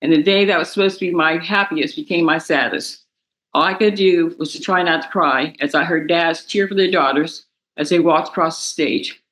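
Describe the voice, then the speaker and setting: A young woman, the victim's daughter, reading a prepared impact statement aloud in a courtroom, emotional and halting, stumbling and restarting words. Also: sits low, fairly bright tone, rough recording. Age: young adult.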